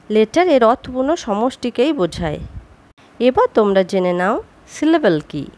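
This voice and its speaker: Woman teaching a basic English lesson. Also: mid-range voice. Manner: slow, clear explanatory delivery, stresses example words. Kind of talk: scripted lesson narration.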